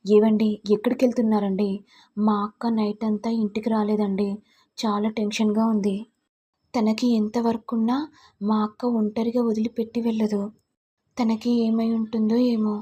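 A woman's voice: fairly high pitch, flat delivery, normal speed, mellow, husky. A woman voicing a worried young woman who is anxious about her missing sister. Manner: anxious pleading.

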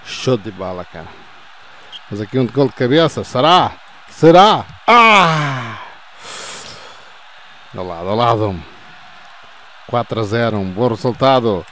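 A man in his fifties with a European Portuguese accent, doing playful football commentary over his own gameplay, yelling goal calls and cheering players on between calm score recaps. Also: medium pitch, slow pace, long pauses, slight background noise. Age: 50s. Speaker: gaming channel host.

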